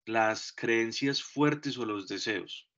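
A man teaching English grammar, explaining slowly and deliberately and checking in with short questions. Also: medium pitch, a bit bright. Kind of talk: bilingual grammar lesson. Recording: dull lo-fi recording.

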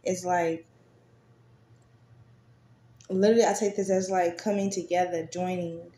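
A woman's voice: on the low side, level tone, measured pace, warm tone. Chatty woman reading tarot, echoey room. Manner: chatty, swears freely, many fillers. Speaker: tarot reader. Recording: echoey room, faint noise.

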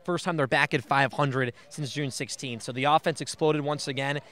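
A young man recapping a baseball game as an analyst, outdoors on a field with a handheld mic, running quickly through stats. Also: mid-range voice, steady tone, a bit bright. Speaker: sports analyst. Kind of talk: postgame recap.

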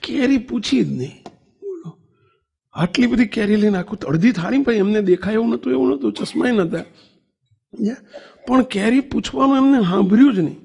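A man's voice: sits high, a little fast, creaky, breathy edge. A man preaching a devotional sermon to a temple congregation, telling stories, acting out quotes and asking the listeners questions. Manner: animated storytelling, acts out quotes, asks the audience questions. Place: temple assembly hall.

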